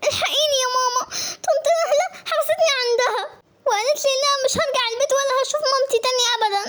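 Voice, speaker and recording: A woman's voice: fast, soft background music. A woman playing a terrified little girl. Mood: tearful. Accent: Egyptian Arabic. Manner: high, crying pleas. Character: frightened little girl, pleading and tearful.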